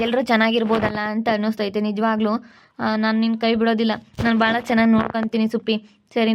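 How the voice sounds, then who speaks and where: A woman voicing an earnest, protective young village man who reassures quickly, in an amateur village skit. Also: on the high side, natural voice. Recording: dull lo-fi sound with faint noise.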